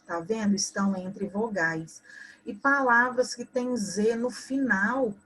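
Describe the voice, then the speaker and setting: Slow, husky Brazilian teacher. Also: female voice, mid-range voice, a bit bright. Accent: Brazilian Portuguese. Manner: patient and explanatory, spells out words slowly. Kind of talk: correcting homework for schoolchildren.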